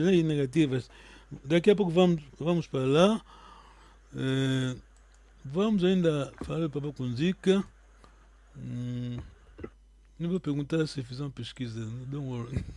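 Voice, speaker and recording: A man teaching a language class over a video call, with a fairly high voice and a dry, close sound. He explains words one by one and keeps checking that his students are following. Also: darkish tone, dry recording. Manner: patient, checks understanding often. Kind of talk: online language lesson.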